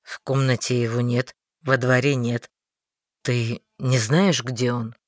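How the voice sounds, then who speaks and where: A woman's voice: extremely low pitch, steady tone, slow pace, dry recording, clean studio sound, voice pushed down. A woman reading a story aloud and voicing an earnest, anxious young male mage who speaks in a gloomy, tense manner. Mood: worried.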